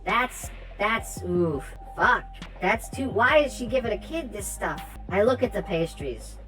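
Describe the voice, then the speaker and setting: A woman playing a tabletop game, blunt, excitable and freely swearing. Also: mid-range voice, measured pace, soft background music, poor audio. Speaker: player.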